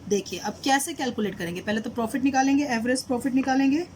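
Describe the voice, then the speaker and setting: A woman teaches accounting, explaining a solved problem step by step and mixing English terms into her Hindi. She often questions her students and keeps asking "did you understand?" Her voice is high-pitched, quick and a little mellow, and the poor audio has a slight hiss or hum.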